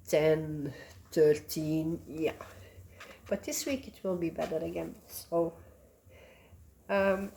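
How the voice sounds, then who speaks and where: Slow, rambling woman. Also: lowish voice. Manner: rambling, many ums, soft asides. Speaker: cross-stitch vlogger. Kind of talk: casual show-and-tell chat.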